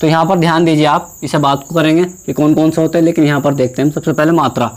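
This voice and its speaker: Using a steady, slightly high voice, a young man teaches Hindi grammar. He both asks and answers his own questions to the class, returns to key terms repeatedly, and pronounces vowel sounds slowly and stretched out to demonstrate.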